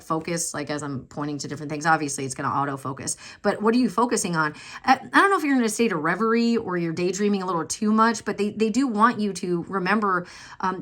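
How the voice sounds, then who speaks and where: A woman's voice: mid-range voice, fairly bright tone. A woman giving a channeled tarot reading at home, rambling and chatty with many fillers, apologizing and laughing nervously. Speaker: tarot card reader. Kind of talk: channeled pick-a-card reading.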